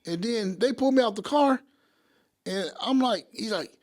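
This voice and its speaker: A man's voice: high-pitched, measured pace. A man telling stories in casual podcast chat, acting out the people he quotes. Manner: animated, acts out quoted people.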